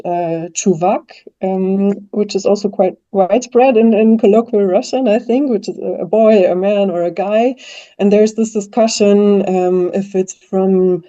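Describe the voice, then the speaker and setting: In a dull, lo-fi recording, a German-accented, German-speaking woman linguist works through interview questions, hesitating with many fillers and restarts. Her voice is medium-pitched and mellow.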